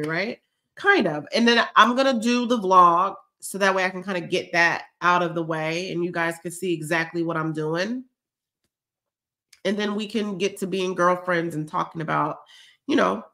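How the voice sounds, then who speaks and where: Teary and emotional, a woman talks casually to her live stream audience, reading out their comments as she goes. She's a vlogger with a lowish, fairly bright voice.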